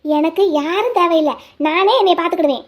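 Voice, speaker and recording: A woman's voice: extremely high pitch, fairly quick. A woman voicing a bold young village woman in a cartoon, firm, confident and upbeat. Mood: determined. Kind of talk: cartoon voice acting.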